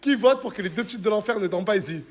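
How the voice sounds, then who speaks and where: A man's voice: high-pitched, rapid-fire, a crowd in the background. A man chats in street slang, an insistent mediator who keeps repeating short phrases. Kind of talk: casual chat in French suburban street slang.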